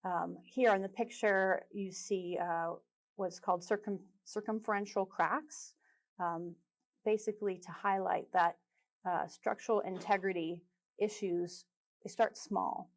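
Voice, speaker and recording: Woman giving a relaxed conference talk. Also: medium pitch, unhurried. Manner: filler-heavy, relaxed, with light jokes. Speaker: conference presenter. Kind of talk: conference presentation.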